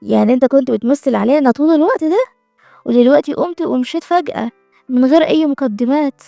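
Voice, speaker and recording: A proud young assistant who speaks pointedly and doubts what she is told, voiced by the woman reading a drama recap. She has an Egyptian Arabic accent, a gravelly edge and a fast, dark delivery. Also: high-pitched, lively intonation, no room sound, clean studio sound, soft background music. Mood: earnest.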